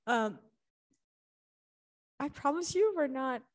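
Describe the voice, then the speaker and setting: A woman's voice: high-pitched, animated, takes it slowly. A young woman teacher chatting casually with students in an online class over a video call, laughing often between remarks. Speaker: English teacher.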